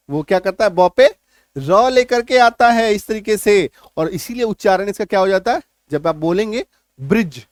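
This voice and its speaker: High-voiced Hindi-speaking English teacher. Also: male voice, no room sound, clean studio sound. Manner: drills letters and sounds, asks checking questions; fast sales pitch for his course. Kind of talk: spoken classroom lesson.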